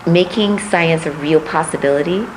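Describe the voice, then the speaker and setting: A middle-aged woman born in Puerto Rico and raised in Missouri answers interview questions as a political candidate. Her low voice sounds measured and reflective with frequent pauses, and there is background noise.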